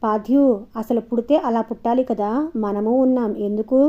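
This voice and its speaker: A woman's voice: on the high side, moderate pace, lo-fi sound, natural voice. A woman voicing a chatty, gossipy young village woman in a storybook reading. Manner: lively gossiping, sometimes hushed.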